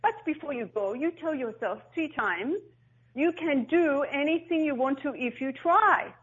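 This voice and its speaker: A woman's voice: high-pitched, animated, measured pace, a bit bright, voice pushed up. A woman voicing her stern, towering father as he gives her firm, insistent orders, on a slightly dull lo-fi recording. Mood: commanding.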